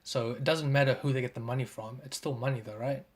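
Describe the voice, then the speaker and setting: A man's voice: medium pitch, steady tone, fast talker, slightly rough. A man chatting casually as a podcast guest, laid-back, swearing freely and trailing off. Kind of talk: casual chat.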